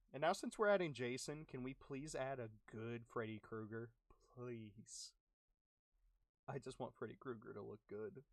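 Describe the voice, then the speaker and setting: A young man chatting casually while playing a game, reacting with quick exclamations and clearing his throat as he loses his voice. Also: medium pitch, no room sound, studio quality. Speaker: gaming streamer. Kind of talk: casual gameplay commentary.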